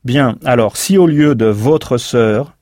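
A man's voice: medium pitch, slow, darkish tone, dry recording, studio quality. A man teaching in a recorded language course, explaining patiently and spelling words out letter by letter. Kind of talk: recorded language lesson narration.

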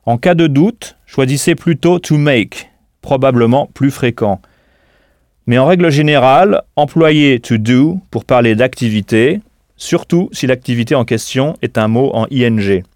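A man teaching an English lesson in a scripted audio course, speaking in a measured way and spelling words out letter by letter. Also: mid-range voice, a little mellow, dry recording, clean studio sound.

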